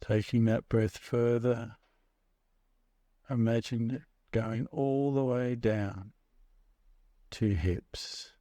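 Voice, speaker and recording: Male meditation guide, very slow measured delivery, soothing, recorded close and dry with no room sound. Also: on the low side, dark tone, no echo. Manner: measured, soothing, pausing between short phrases.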